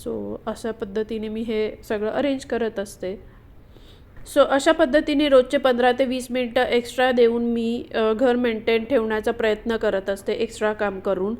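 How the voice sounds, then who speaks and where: A woman's voice: a little high, fairly even intonation, moderate pace, a little mellow. A woman chatting through a home vlog voice-over, explaining her cleaning routine with frequent fillers. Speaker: vlogger. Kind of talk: casual voice-over vlog narration.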